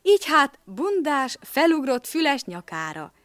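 A woman reads a children's story aloud with expressive delivery, sinking to a whisper at hushed moments. Her voice rises and falls in a lively way. The recording is dry and close. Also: high voice, dry recording. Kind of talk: storybook narration.

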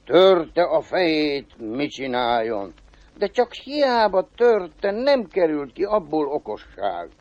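A man telling a folk tale in a lively way, shifting pace and pitch. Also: no echo. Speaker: storyteller. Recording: dull, dry recording.

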